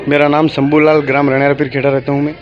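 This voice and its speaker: A man who was injured, telling an interviewer what happened in halting, repetitive speech with many restarts. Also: on the high side, monotone. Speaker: assault victim interviewed. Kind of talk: spontaneous interview account. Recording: dull lo-fi field recording.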